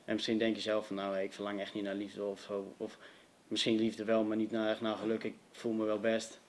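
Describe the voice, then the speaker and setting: A man's voice: fairly low pitch, monotone, brisk, slight background noise. Young man, earnest and emphatic, sharing his testimony with a youth audience. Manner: earnest, emphatic, direct address to listeners. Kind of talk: personal testimony to a youth meeting.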